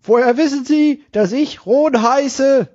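A man putting on the voice of an old-time newsreel announcer, reading century-old jokes slowly and loftily. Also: darkish tone, highs cut off, heavily acted. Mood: lofty. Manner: slow, drawn-out, lofty reciting in a much higher voice. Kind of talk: mock old-newsreel joke reading in a podcast.

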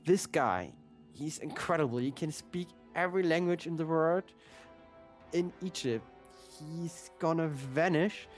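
A man's voice: fairly high pitch, lively intonation, a little slow, soft background music. A man playing a grumpy, boastful prisoner who grumbles and curses theatrically, in a comedy audio play.

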